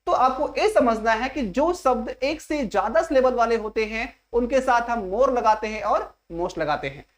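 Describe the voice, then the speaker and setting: A woman teaching an English grammar lesson in an exam coaching class. She steps through each point slowly and keeps asking the class rhetorical questions. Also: a little high, expressive. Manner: slow and repetitive, spelling out each step.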